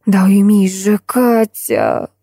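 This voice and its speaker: A frail, weary old woman played by a female audiobook reader speaks in a faint, trembling voice that rustles softly. She sounds tired and pleading, a little higher than the narrator, and the recording is dry and close. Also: expressive, moderate pace, no echo. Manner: tired, pleading, soft-spoken. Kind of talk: audiobook character voice.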